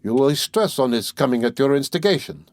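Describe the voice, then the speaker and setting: A man's voice: medium pitch, expressive, a little fast, darkish tone, no echo, close to an everyday voice. A man voicing a sly, genial middle-aged examining lawyer who talks in a fussy, teasing way, in an audiobook reading. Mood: sly, chatty.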